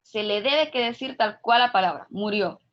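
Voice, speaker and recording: A woman giving an online lecture, calm and patient, repeating words for emphasis and often checking in with her listeners. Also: a little high, normal speed. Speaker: grief course instructor. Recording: dull lo-fi audio.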